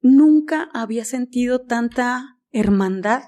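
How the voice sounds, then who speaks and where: A woman's voice: on the high side, slow. A woman journalist with a Mexican Spanish accent, a guest on a podcast, telling stories and acting out the dialogue. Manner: animated storyteller, acts out dialogue. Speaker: guest, journalist and news director. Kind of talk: conversational podcast interview.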